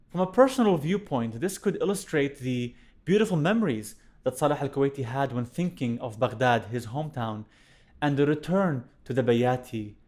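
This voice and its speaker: A young man born in Iraq, a violinist teaching a music lesson to camera in a clear, explanatory way, recorded on a studio microphone indoors. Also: mid-range voice, a little mellow. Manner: clear, explanatory, chants rhythm syllables in time. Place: indoor studio room with plant. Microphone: studio condenser mic on stand.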